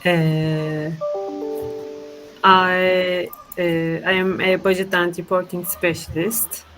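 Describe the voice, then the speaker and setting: Halting woman, flat low voice. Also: faint music behind, poor audio. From Turkey. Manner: halting, many fillers. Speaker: language student. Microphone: video call mic.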